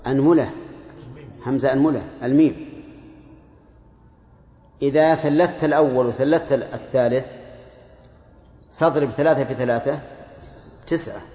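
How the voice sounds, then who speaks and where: Older scholar quizzing students in an echoey hall. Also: male voice, mid-range voice, moderate pace, pauses often, dark tone. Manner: drills students by reciting word forms in repeated chants; quizzes students with short probing questions. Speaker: religious scholar teaching a class. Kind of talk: classroom lesson with questions to students. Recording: echoey hall, dull lo-fi archive recording.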